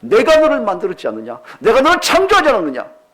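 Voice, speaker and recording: A man's voice: huge pitch swings, brisk. A man preaching and voicing God as a commanding divine father who fires off rebuking questions. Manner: booming, rebuking rhetorical questions.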